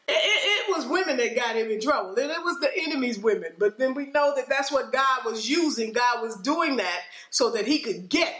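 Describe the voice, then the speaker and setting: A woman with a fairly high voice leads a conversational Bible lesson, reading scripture aloud and then retelling it in plain, casual words. The recording has a roomy echo around her voice. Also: expressive, a little fast, few pauses, fairly bright tone. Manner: reads verses, then paraphrases them in loose everyday speech. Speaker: Bible teacher on a podcast.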